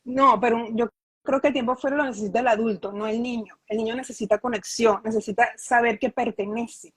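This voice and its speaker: Woman, a touch high and breathy, earnest explainer, close dry sound. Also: steady tone, brisk, no room sound, rough recording. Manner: earnest, explanatory, frequent restarts and rhetorical questions. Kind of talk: conversational interview.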